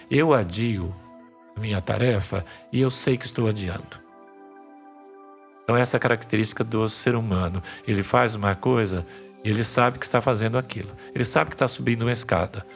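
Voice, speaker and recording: A psychiatry professor appears as a guest on a podcast, patiently explaining ideas and often restarting his phrases. His voice is fairly low, with vocal fry.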